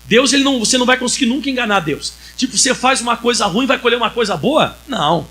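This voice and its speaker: High-voiced, bright Brazilian pastor preaching. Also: male voice, expressive. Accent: Brazilian Portuguese. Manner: storytelling preacher who acts out dialogue and reads scripture slowly. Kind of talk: sermon.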